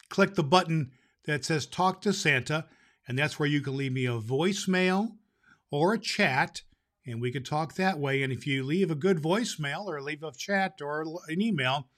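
A man playing a jolly old Santa Claus who hosts a show and reads a Christmas story aloud, with booming ho-ho laughs. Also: a little slow, fairly bright tone. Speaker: host. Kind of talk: storytelling podcast.

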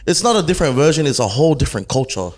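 Guy chatting casually on a podcast, animated, lots of bro and slang. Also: fairly high pitch, racing. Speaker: podcast guest, krump dancer. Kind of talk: casual chat.

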